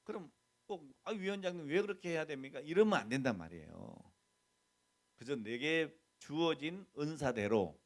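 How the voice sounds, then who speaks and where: Animated Korean pastor preaching. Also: male voice, mid-range voice. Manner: conversational preaching, asks the congregation questions; mixes plain talk with quoted mock dialogue. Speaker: senior pastor. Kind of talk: sermon.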